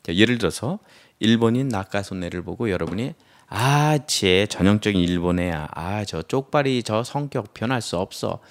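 A man with a lowish voice teaches vocabulary at a moderate pace, his pitch swinging widely as he explains word roots. He acts out little example sentences and offers playful memory tricks, keeping the lecture animated and teacherly.

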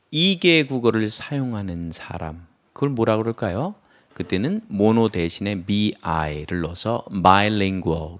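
Lively low-voiced man teaching vocabulary. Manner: explains word roots, playful mnemonics, acts out example sentences.

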